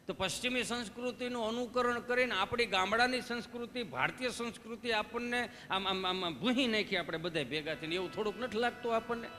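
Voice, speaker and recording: A man's voice: high voice, sharp tone, in a large hall. A man with a Kathiawadi Gujarati accent performing a live stage comedy monologue, telling folksy stories with preachy asides. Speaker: stand-up comedian.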